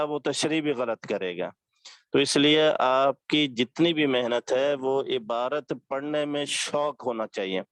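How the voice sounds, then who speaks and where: A man's voice: medium pitch, dry recording. A man, a religious teacher giving earnest advice to his students and repeating each point. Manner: repetitive, earnest, exhorting.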